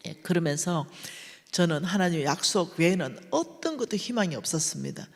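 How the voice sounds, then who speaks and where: A woman's voice: fairly low pitch, animated, brisk, big-room sound. A middle-aged woman giving a testimony sermon at a church revival meeting, telling her story animatedly and acting out the voices of others. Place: church sanctuary.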